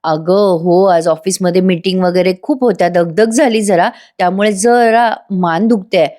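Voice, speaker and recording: Woman narrator reads a weary husband, calm and reassuring. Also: lowish voice, normal speed, lightly acted. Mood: tired, relieved.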